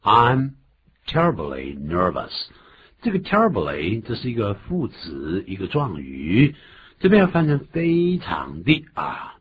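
A deep-voiced man teaches English vocabulary, swinging his pitch widely to stress words. The recording is dull and lo-fi with a faint hiss behind him. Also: a little slow. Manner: animated explaining, jumps high in pitch for emphasis. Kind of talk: bilingual radio English lesson.

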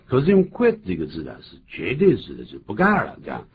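A deep-voiced man teaches English on the radio, his pitch swinging widely as he punches out key words. The recording is muffled and lo-fi, with a faint hiss underneath. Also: brisk, vocal fry. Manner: animated, jumps to high emphatic pitch on key words.

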